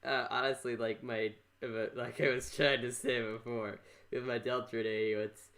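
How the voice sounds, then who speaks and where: This podcast host from Minnesota, US, runs a casual interview show with a bright, sharp, mid-range voice and a level tone. His speech rambles and halts, frequently doubling back and repeating words in an informal, chatty way.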